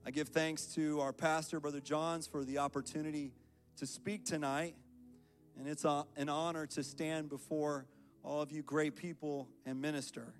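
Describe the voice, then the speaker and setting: A man's voice: on the high side, level tone, normal speed, soft background music. A man giving an earnest sermon as guest preacher at a church service, reading scripture and building into prayer.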